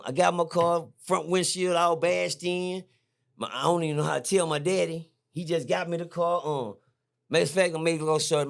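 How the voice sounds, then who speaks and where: A middle-aged man, a podcast guest, telling a story in a lively, slangy way, repeating himself and jumping high when excited. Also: gravelly. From Texas. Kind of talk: animated storytelling. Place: podcast studio.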